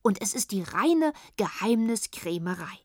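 A woman's voice: mid-range voice, big pitch swings, unhurried, no echo. A woman reading aloud, voicing a cheeky, hungry little girl in a storybook. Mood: pert. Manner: cheeky, pert.

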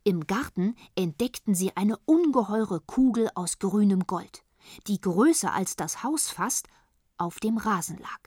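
A woman reading a children's story aloud in a calm, even storytelling manner. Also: medium pitch, measured pace, breathy edge, no echo, clean studio sound. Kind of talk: storybook narration.

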